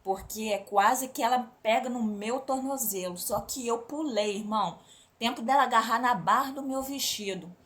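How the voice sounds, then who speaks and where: A woman's voice: on the high side, moderate pace, a bit bright. A woman with a Brazilian accent telling a religious testimony to a congregation, often turning to the listeners as brothers and sisters. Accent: Brazilian Portuguese. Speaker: church member giving a testimony.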